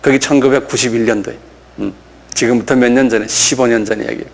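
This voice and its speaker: An older man, a pastor, telling a story in a casual, conversational way during a lecture sermon, often pausing to say "yes". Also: medium pitch, fairly even intonation, vocal fry. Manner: conversational, folksy storytelling with frequent "예" affirmations.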